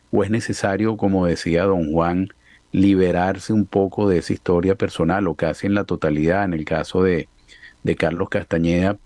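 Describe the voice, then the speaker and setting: Deep-voiced man interviewer. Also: darkish tone, no echo. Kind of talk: asking a long question in an interview.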